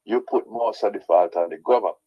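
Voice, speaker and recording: Heated radio show caller. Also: male voice, on the low side, fast, breathy edge, lo-fi sound. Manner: heated, insistent, repeats "right?".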